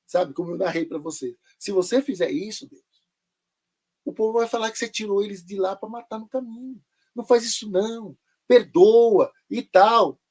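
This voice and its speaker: A man's voice: high-pitched, moderate pace, a little mellow. A man teaching a live online Bible lesson, sarcastic and full of rhetorical questions.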